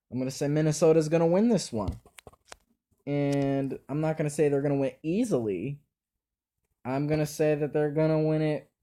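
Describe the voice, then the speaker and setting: A man's voice: mid-range voice, warm tone. A man giving casual football predictions, thinking aloud in a hesitant way that repeats words and restarts sentences. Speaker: sports predictions host. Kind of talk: casual spoken football picks.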